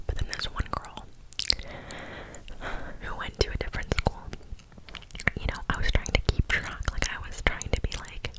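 A woman's voice: moderate pace, pauses often, low-quality recording. A woman in her twenties whispering breathily through cupped hands close to the microphone, telling a casual, rambling ASMR story. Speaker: ASMR video creator. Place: small bedroom, indoors. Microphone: close desktop condenser microphone.

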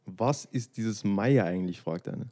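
A man's voice: lowish voice, dark tone. A young man with a Viennese accent chatting casually and slangily as a podcast co-host. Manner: slangy, fast, laughs often. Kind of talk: casual chat.

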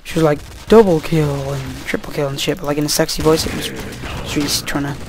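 A man's voice: on the high side, little pitch movement, fast, gravelly, slight background noise. A tired young man, rambling through casual gameplay commentary and swearing at the game, recorded at home on a computer mic. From Wales.

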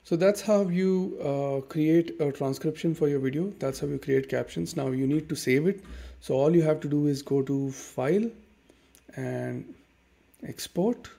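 A man with an Indian accent and a gravelly, fairly high voice hosts a casual screen-recorded software tutorial from a dim room at home. Speaking at a measured pace, he explains things step by step in a relaxed way, using many fillers and lots of "okay"s.

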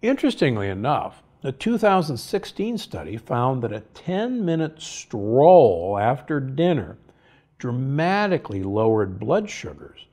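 An older man hosting a podcast, reading health advice from cue cards in a studio with a lapel mic. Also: mid-range voice. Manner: lively, upbeat, reads from cue cards. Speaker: podcast host and doctor. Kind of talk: scripted health advice monologue. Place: studio set with armchair and bookshelf.

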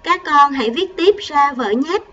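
A woman primary school teacher giving a recorded math lesson to first graders, counting patiently and gently coaxing the children along. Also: high-pitched, lively intonation, measured pace, recorded from a distance, muffled recording, slight background noise.

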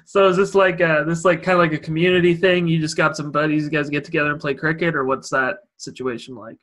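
A man's voice: fairly high pitch, fairly even intonation, quick pace, a bit bright. A young man from Idaho hosting a casual podcast interview, asking loose, rambling questions full of fillers. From Idaho, USA. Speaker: podcast host.

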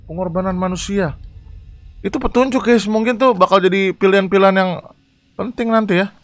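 A young man casually commentating a horror game live, chatty and excitable, reading chat and yelling at scares. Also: high voice, fairly quick, no echo. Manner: excitable, chatty, reacts loudly to scares and reads chat aloud. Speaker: gaming streamer.

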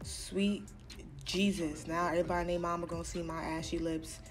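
A woman's voice: fairly low pitch, flat delivery, a little fast. A young woman chatting casually to her vlog, slangy, playful and blunt. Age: young adult. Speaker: vlogger. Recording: music laid under the voice.

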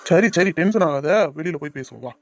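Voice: medium pitch, quick pace, no echo, close to an everyday voice. A performer voicing an easygoing cartoon village dad. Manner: calm, coaxing, pleading to viewers. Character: easygoing village father, soft on his daughter. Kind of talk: cartoon voice acting.

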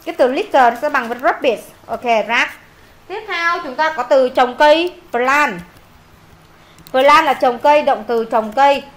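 A Vietnamese woman teaches an English class, reading lines aloud, translating them and drilling vocabulary through repetition. She speaks in a high-pitched voice at a measured pace.

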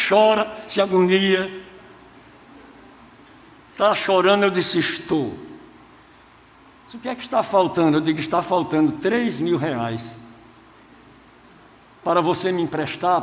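A male pastor preaching a sermon, telling stories from his own life and swinging between hushed tones and rousing shouts. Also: sits high. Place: large church hall. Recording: long hall reverb, faint noise.

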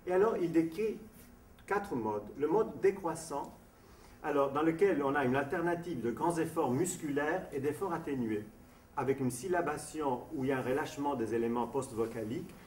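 A man from Sardinia giving an academic lecture on diction, explaining step by step and reading out definitions between asides. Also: a little high. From Sardinia, Italy. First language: Sardinian and Italian. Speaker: voice and diction teacher. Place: lecture room at a summer school. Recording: echoey room from a distant mic, faint noise.

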